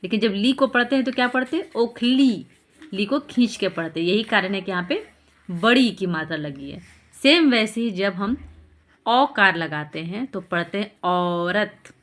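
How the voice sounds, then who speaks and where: A woman gives a patient lesson at a medium pitch. She keeps repeating examples and checking in with little rhetorical questions. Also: animated, normal speed, a bit bright. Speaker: teacher explaining Hindi vowel signs to parents. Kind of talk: explanatory lesson.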